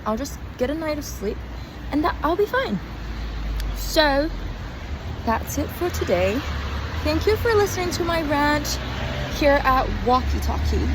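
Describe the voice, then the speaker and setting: Out on an urban walk, a young adult woman who vlogs and studies acting rambles candidly into her video diary. She's physically tired, her high, very lively voice stopping, starting, and interrupting itself, while passing cars, traffic, and city ambience fill the background.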